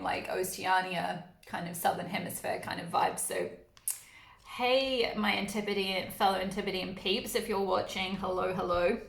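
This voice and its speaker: A woman's voice: medium pitch, vocal fry. A woman from New Zealand with a New Zealand accent, giving a casual, rambling tarot reading with many fillers and restarts. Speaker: tarot reader. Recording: roomy echo.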